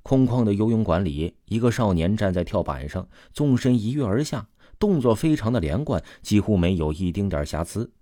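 Guy reading a suspense story, low mellow voice, very lively, dry close sound. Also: dry recording. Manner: lively storytelling, drawn-out particles. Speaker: narrator. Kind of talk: read-aloud story narration.

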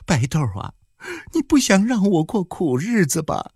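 A man's voice: on the high side, sing-song, measured pace, no echo, studio quality, pitched above the performer's own voice. A man voicing a desperate village woman who pleads tearfully and insistently, in an audiobook. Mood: pleading. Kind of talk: audiobook character voice.

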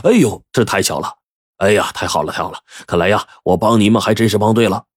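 A man's voice: lowish voice, husky, no echo, clean studio sound. A man doing an effusive middle-aged company boss. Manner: effusive, drawn-out exclamations.

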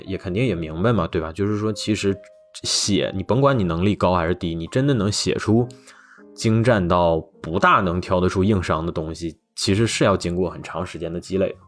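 A man with a very low voice talks at an easy, rambling pace on a chat podcast. He keeps stopping to fill gaps and restart his sentences. Faint music plays behind him. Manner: rambling, relaxed, many fillers. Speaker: podcast host. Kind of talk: casual chat about hip-hop.

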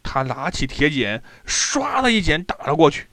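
A man narrating a storybook tale in an animated, expressive way. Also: fairly high pitch, moderate pace, no room sound.

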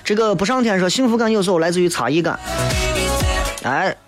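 A man's voice: sits high, expressive, fairly quick. A man with a Shaanxi accent from Xi'an hosts a casual radio chat, reading out and answering listener messages in a playful, teasing, colloquial way. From Xi'an, Shaanxi, China. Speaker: radio show host. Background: background music.

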